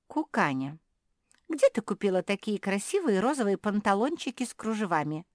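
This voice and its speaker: A woman's voice: medium pitch, sing-song, normal speed, darkish tone, no room sound, studio quality, pitched above the performer's own voice, close to an everyday voice. A woman voicing a curious little female animal character. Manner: nosy, sweetly curious.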